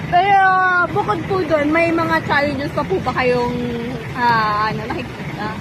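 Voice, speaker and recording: A woman's voice: high voice, measured pace, crowd noise. A woman interviewer politely asking prepared questions in a casual street interview, echoing the answers back. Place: outdoors at a roadside. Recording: very noisy busy street with traffic.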